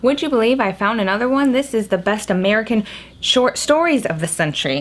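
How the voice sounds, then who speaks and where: A woman's voice: deep voice, a bit bright. A young woman chatting casually about a book haul as a vlogger, recorded in a small room with a cave-like echo. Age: young adult. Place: small indoor room at home. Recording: echoey cave-like room, clear background noise.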